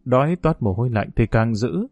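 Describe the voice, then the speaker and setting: Man narrating a novel, dark-toned voice. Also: mid-range voice, lively intonation, normal speed, no echo. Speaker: audiobook narrator.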